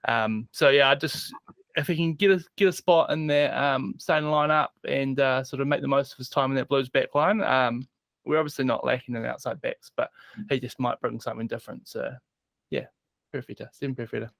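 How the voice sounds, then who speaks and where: A man chatting as a podcast panelist, halting and thinking out loud. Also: medium pitch, steady tone, gravelly, no room sound. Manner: hesitant, lots of ums and restarts. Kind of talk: casual sports chat.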